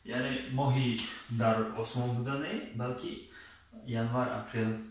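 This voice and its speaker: A man with a Tajik accent teaching an English lesson. He reads example sentences slowly and translates them briskly. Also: medium pitch, fairly even intonation, a little hiss or hum. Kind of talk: language lesson. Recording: very echoey room, voice far from mic.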